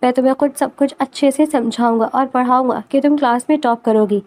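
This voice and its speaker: Woman doing a gently lowered young professor, mellow tone, soft and affectionate, possessive, storybook romance. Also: fairly even intonation, close to an everyday voice. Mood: tender.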